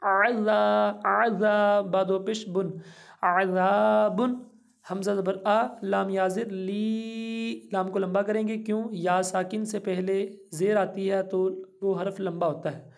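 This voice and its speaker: A man teaching a Quran reading lesson, patiently spelling out each letter and vowel mark, with slow drawn-out recitation between explanations. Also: high-pitched, flat delivery, vocal fry, a little mellow.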